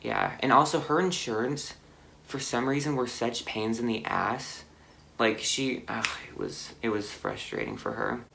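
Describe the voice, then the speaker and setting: A young man telling a car crash story on his vlog, halting and shaken, with many fillers and restarts. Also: mid-range voice, very animated, gravelly, background noise. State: anxious, shaken. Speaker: vlogger.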